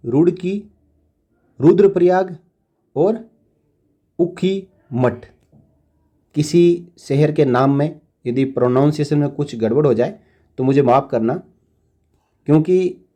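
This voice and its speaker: A man hosting a channel, reading out a long list of place names at a steady pace and adding short asides in a casual tone. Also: fairly high pitch. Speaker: channel host.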